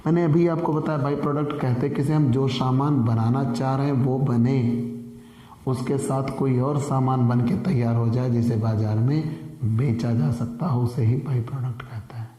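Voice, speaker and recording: A man's voice: mid-range voice, fairly even intonation, moderate pace, warm tone. A man with a sore throat teaching a commerce lesson. He repeats key points and asks questions that he then answers himself. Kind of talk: classroom lecture. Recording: echoey room with long reverb.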